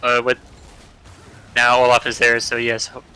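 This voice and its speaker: A man giving color commentary on a live esports match, breaking down plays in a relaxed, slangy way. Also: medium pitch, normal speed, smooth, rough recording.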